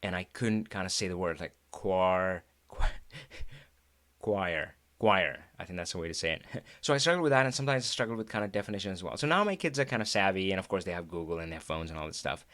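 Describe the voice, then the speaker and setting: With a lowish voice and an Indian accent, a middle-aged host whose first language is Hindi leads a live talk. He comes across as animated and chatty, often breaking into laughter.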